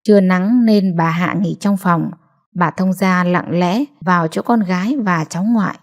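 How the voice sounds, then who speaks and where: A woman's voice: fairly low pitch, a little slow. Woman narrating a family story.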